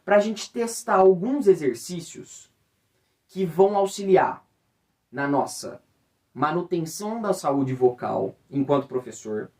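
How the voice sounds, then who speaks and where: A man from Brazil, a teacher and voice coach, giving an instructional talk and varying his pitch expressively to demonstrate speaking. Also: slow. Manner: expressive, swings pitch widely to demonstrate speech. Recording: voice somewhat distant from the mic.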